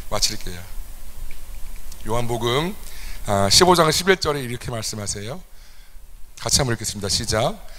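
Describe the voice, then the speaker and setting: A young adult man preaching a confessional sermon to a youth service, moving from quiet asides to sudden loud outbursts, recorded in a church sanctuary. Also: medium pitch, a little hiss or hum. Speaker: youth pastor. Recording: church hall with long reverb.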